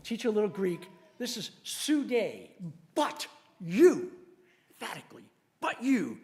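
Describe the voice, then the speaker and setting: A male pastor delivers a sermon with a strikingly high voice. He preaches in an animated, emphatic way, swinging widely in pitch and laughing often as he makes his points. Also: a little slow.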